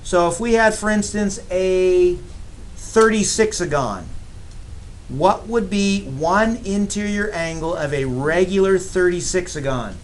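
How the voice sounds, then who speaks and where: Guy teaching math to a class, kinda high voice, teasing the kids a bit, faint hiss. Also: unhurried. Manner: upbeat, teasing with students. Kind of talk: classroom lecture.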